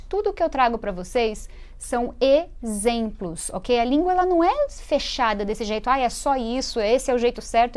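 Brazilian woman doing a live english class, kinda high voice, lively, makes u repeat words after her. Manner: lively, drills words and asks viewers to repeat aloud. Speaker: English teacher and show host. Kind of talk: live online English lesson.

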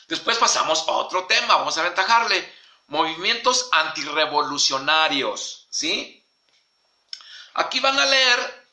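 A male teacher with a Mexican Spanish accent, slowly dictating history questions and repeating the punctuation aloud. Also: high-pitched, sharp tone, roomy sound.

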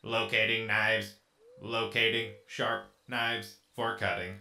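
Booming metallic robot. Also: male voice, takes it slowly, gravelly. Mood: monotone menace. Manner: flat, mechanical, monotone delivery. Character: menacing male robot posing as a human teen. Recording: echoey with music behind.

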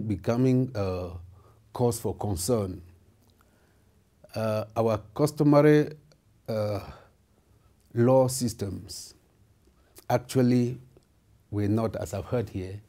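A middle-aged Cameroonian man, both a member of parliament and a lawyer, speaks in a lowish, mellow voice. He gives formal, reflective interview answers with frequent hesitations from an indoor office paneled in wood.

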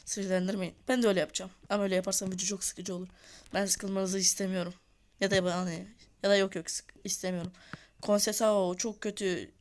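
A woman giving casual gameplay commentary on a mobile football match, excitable and scolding her players, her voice sounding a little hoarse. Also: mid-range voice, fast talker.

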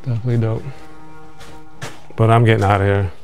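Young guy filming an urban explore, lowish voice, slow and impressed, handheld cam, faint music under it. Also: level tone, darkish tone. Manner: slow, awed remarks while walking. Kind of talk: casual exploring vlog. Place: dark abandoned hotel indoors, then street at night. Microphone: handheld camera.

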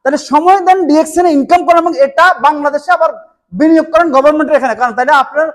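Bangladeshi man in his forties, motivational seminar speaker, very high voice, rapid and animated, lapel mic in a meeting room. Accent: Bangladeshi Bengali. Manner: animated, gesturing, rhetorical questions.

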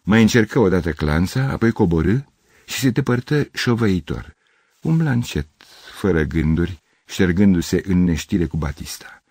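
Older man, audiobook narrator, husky low voice, lively pitch, dry close sound. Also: no echo. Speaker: audiobook reader.

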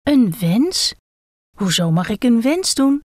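A woman's voice: fairly high pitch, slow pace, dry recording, clean studio sound, exaggerated voice. A woman voicing a talking bald head of a young man, bookish and full of eager questions. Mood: surprised. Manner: excited, tumbling questions.

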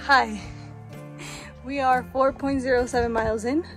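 A woman's voice: high voice, fairly even intonation, normal speed, music in the background. A woman in her twenties chatting casually while vlogging on a mountain trail, filmed on a phone held at arm's length. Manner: chatty, laughs often. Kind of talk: casual hiking vlog.

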